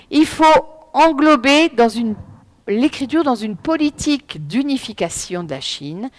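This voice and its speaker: A middle-aged woman giving a lively public talk on Chinese writing, emphatic and speaking straight to her audience. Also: a little high.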